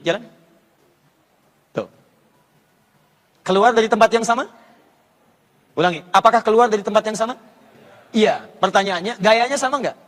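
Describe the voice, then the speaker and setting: A man preaching at a live question session, teaching pronunciation with playful repeated drills. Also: a little high. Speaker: Islamic preacher answering audience questions. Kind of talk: live Q&A lecture with audience demonstration. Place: large lecture hall with audience. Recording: long hall reverb.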